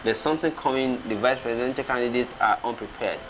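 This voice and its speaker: A man's voice: medium pitch, quick pace, background noise. Nigerian man reading viewer comments. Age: 30s. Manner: reads comments aloud, reacts with chuckles. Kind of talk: casual livestream commentary.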